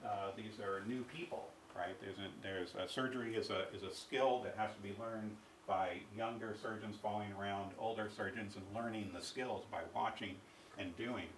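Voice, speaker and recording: A middle-aged man giving a university ethics lecture, halting with many fillers and restarts and asking the audience rhetorical questions. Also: lowish voice, fairly even intonation, slight background noise. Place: lecture hall. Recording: echoey hall recorded from far off.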